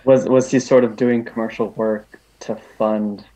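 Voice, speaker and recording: A man's voice: on the low side, flat delivery, measured pace, crowd noise. A man speaking as an interview guest in casual talk, hesitant, with many ums and restarts. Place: New York. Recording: dull lo-fi recording.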